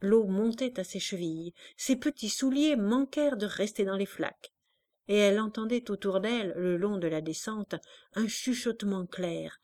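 A woman reading a classic novel aloud as narrator, with expressive, dramatic storytelling. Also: mid-range voice.

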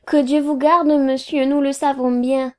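A woman's voice: sits high, level tone, measured pace, darkish tone. A woman voicing tearful, humble women clients who answer a lawyer in anxious, grateful outbursts.

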